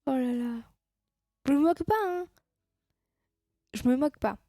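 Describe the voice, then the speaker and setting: A woman's voice: high voice, a little slow, dark tone, no room sound, clean studio sound. A woman chatting casually with her viewers on a live stream, teasing them and laughing at her own jokes.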